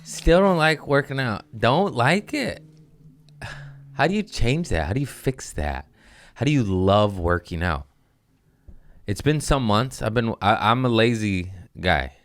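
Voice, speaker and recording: A comedian hosts his podcast in a studio, talking crudely and casually, rambling, making jokes at his own expense, and breaking off mid-sentence to start over. His voice is medium-pitched and a bit bright, with lively intonation and a measured pace, and there's no echo.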